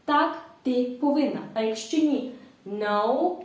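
A woman's voice: a little high, a little mellow, far from the mic. Patient woman teacher in an echoey room. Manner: explains slowly, repeats English phrases for practice. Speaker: English teacher. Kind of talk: online language lesson.

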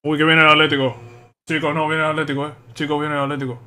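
A man calling live football matches for his stream, excitable and quick to shout and laugh when goals go in. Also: fairly high pitch. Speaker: stream host reacting to football. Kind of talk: live football reaction commentary.

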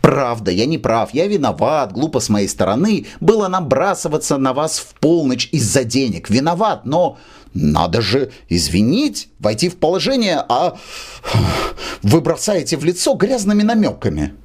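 A man voicing an agitated, bitter middle-aged gentleman who complains in a raised, aggrieved voice. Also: mid-range voice, sing-song, moderate pace, breathy edge, pitched above the performer's own voice. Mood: indignant.

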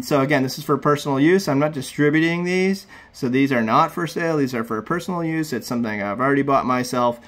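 In a casual step-by-step computer tutorial, a man in his thirties walks through each click in a relaxed, plain manner. He hosts with a mid-range voice.

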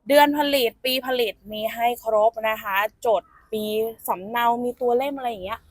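A woman's voice: on the high side, moderate pace, no echo. Chatty saleswoman with a raised voice. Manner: chatty, addresses viewers as elder sibling. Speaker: used car saleswoman. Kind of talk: sales walkaround presentation.

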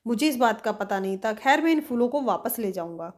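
A woman's voice: a little high, lively intonation, brisk, lightly acted. A woman voicing Tinsu, a polite, cheerful boy visiting friends, in a storybook reading.

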